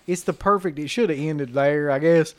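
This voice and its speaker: A man with a slightly higher voice talks in a laid-back, profane way during a casual chat. He is relaxed and easygoing, with plenty of casual swearing. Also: normal speed. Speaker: podcast co-host. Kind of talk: casual chat about horror films.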